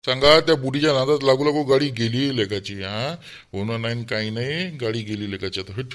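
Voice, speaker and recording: A man's voice: mid-range voice, a little fast, fairly bright tone, natural voice. A man voicing a fussy, self-righteous village man in a cartoon, with a Vidarbha Marathi accent, rambling and grumbling to himself. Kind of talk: cartoon voice acting.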